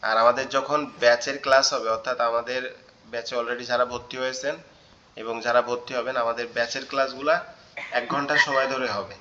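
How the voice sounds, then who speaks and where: A male teacher leads an online class with a bright, forceful voice, patiently repeating each letter sound several times. His audio comes through echoey and a little muffled, as from a video call. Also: medium pitch, little pitch movement, a little fast, a little hiss or hum. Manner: repeats letter sounds in drills, asks "okay?". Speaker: Quran teacher.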